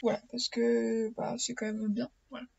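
A teenage beauty vlogger with a stuffy nose from a cold chats casually through a daily unboxing vlog in her small attic bedroom, full of fillers and restarts. Her voice is on the high side, creaky, mellow and husky, with a level tone at a moderate pace. The built-in webcam mic gives dull lo-fi audio with faint noise.

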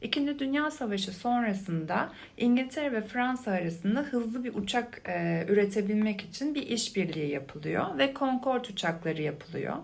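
A woman giving a quiet, hushed ASMR explanation in a soft, calm, late-night manner. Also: fairly high pitch, moderate pace, vocal fry, hardly any pauses. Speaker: host explaining a psychology concept.

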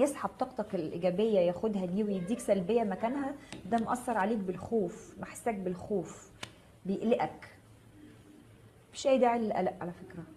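An Egyptian woman giving a live tarot reading at a brisk pace. Her voice is mellow and warm, with faint noise in the background. She talks straight to her viewers, calling them by name and reassuring them. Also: medium pitch, low-quality recording. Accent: Egyptian Arabic. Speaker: tarot reader host.

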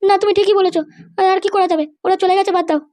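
Fretful cartoon mother, high-pitched and rapid, a woman voicing her. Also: fairly even intonation, dark tone. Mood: worried. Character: anxious, pleading middle-aged mother of a groom. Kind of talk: cartoon voice acting.

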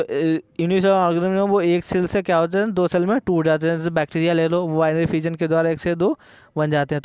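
A man with a somewhat high, smooth, resonant voice teaches an exam-prep biology lesson. He goes through each multiple-choice question step by step, asking a question and then answering it himself. The sound is dry and close, with no room echo. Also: a little mellow. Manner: explains step by step, asks and answers his own questions; reads the English questions aloud slowly.

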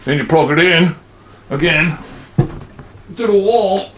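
A man's voice: fairly high pitch, slow pace. Older man, noisy casual home demo. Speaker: product demonstrator. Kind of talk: casual, rambling toy demo. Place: home kitchen. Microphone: camera a few feet away.

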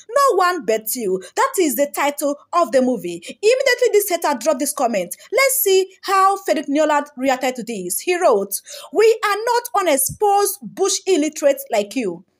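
A young Nigerian woman presenting celebrity gossip in a voice-over, reading out comments and reacting with laughter and bits of Pidgin. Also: sits high.

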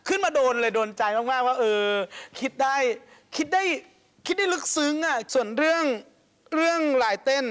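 Expressive man judging a talent show. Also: extremely high pitch, normal speed. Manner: chatty, expressive, coaching tone. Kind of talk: judge's critique on TV. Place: TV studio with audience.

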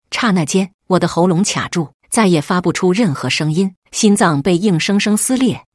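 Woman storyteller, husky lowish voice, lively melodic reading, dry close sound, first-person romance narration. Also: no echo.

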